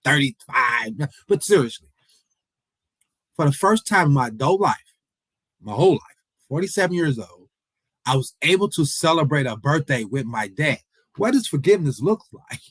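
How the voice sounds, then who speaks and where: A man's voice: on the high side, lively intonation, normal speed, pauses often, a bit bright, dry recording, rough recording. A man in his forties giving an earnest motivational speech, repeating his points and imploring the audience. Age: 40s. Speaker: motivational speaker. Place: event hall.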